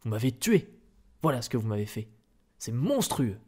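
A man playing an outraged painter who protests and pleads, in a soft-spoken ASMR reading. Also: mid-range voice, moderate pace, close to an everyday voice. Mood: indignant. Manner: exasperated, protesting. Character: indignant middle-aged male painter, outraged and desperate.

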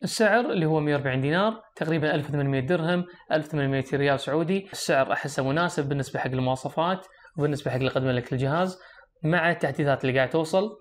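A young adult Kuwaiti man reviews a phone at great speed, his voice on the high side. Seated at a desk in a small room and close to the camera, he explains the features directly to his viewers.

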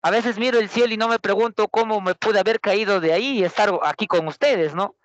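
The young man's high, slightly fast voice comes through muffled, with no room sound. Using a Peruvian Spanish accent, he tells his class a story in a chatty, lively manner and repeatedly quizzes them with rhetorical questions.

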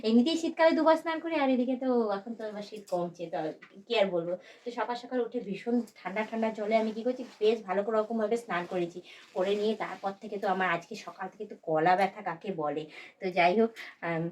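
Housewife vlogging from her bedroom, sore throat so she keeps it soft, rattles on fast and chatty. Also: medium pitch. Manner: rambling, talks straight to viewers while doing chores. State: sore throat, speaking softly. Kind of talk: casual chatty vlog. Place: bedroom at home.

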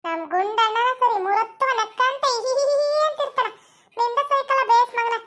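A woman's voice: very high voice, normal speed, a bit bright. A young woman playing a bossy, chatty village mother who scolds and coaxes babies in a sing-song way, with a North Karnataka Kannada accent. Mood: teasing. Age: young adult. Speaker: comedy skit performer. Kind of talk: village comedy skit.

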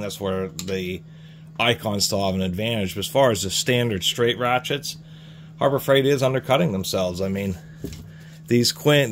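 A man's voice: fairly low pitch, a little hiss or hum. A man reviewing hand tools at his workbench in a casual, explanatory way, rambling and restarting his sentences. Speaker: tool reviewer. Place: workshop bench, hands on tools.

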